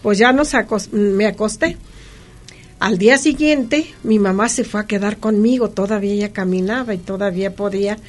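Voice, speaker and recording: A middle-aged Mexican woman being interviewed, telling personal stories in an animated conversational way. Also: medium pitch, moderate pace. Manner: animated, lively anecdotal telling with frequent laughs. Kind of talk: conversational storytelling.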